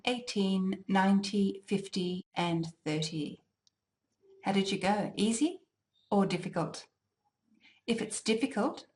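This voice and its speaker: A woman teaching a language exam lesson, deliberately enunciating each word for listening practice. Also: mid-range voice, darkish tone. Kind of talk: slow, clearly articulated lesson.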